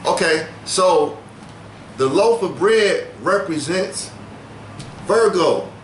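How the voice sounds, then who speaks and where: A man co-hosting a podcast in casual chat, talking in an animated, preachy way and repeating words as he thinks. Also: high-pitched, slow pace, echoey room, a little hiss or hum, poor audio. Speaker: podcast co-host.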